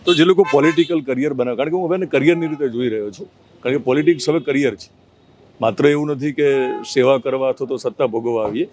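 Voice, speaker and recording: A man interviewing a politician, asking slow, thoughtful questions with hesitations and addressing viewers directly. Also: mid-range voice, darkish tone. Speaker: interviewer and news reporter. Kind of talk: conversational interview with asides to viewers.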